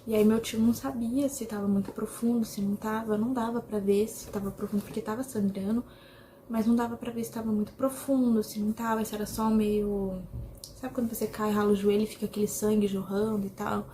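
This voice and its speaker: A young Brazilian woman telling her own story in a vlog, speaking in an emotional, halting way and often repeating herself. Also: medium pitch, little pitch movement, dark tone, slight background noise. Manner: emotional, halting retelling with many repetitions. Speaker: vlogger.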